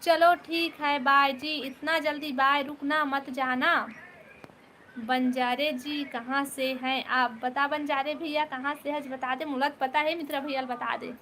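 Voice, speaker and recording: A woman with a Chhattisgarhi accent hosts a casual live stream, talking into her phone. She greets each viewer by name and keeps urging them not to leave. Her voice is high and bright, and she talks at a slow, easy pace. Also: steady tone, a little hiss or hum. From Chhattisgarh, India.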